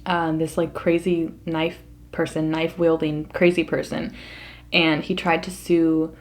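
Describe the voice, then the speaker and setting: A woman's voice: low-pitched, flat delivery, a little slow. An American woman talking casually to her viewers in an opinion monologue, earnest and emphatic. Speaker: mukbang vlogger.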